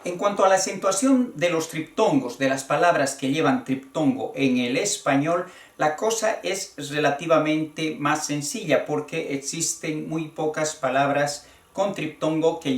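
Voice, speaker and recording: Man, grammar teacher, slow and deliberate, repeats key words, fairly high voice, echoey room, distant mic. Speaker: Spanish teacher. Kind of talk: explaining grammar at a board. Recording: roomy sound from away from the mic.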